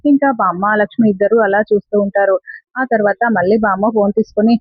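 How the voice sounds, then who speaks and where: A woman narrates a serial episode in a relaxed, chatty way, walking through each scene and quoting what the characters say. Her voice is husky and a little breathy. The recording is dry and dull, with a lo-fi edge. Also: mid-range voice, quick pace, no echo. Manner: retells scenes step by step, quoting lines of dialogue. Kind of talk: casual spoken story recap.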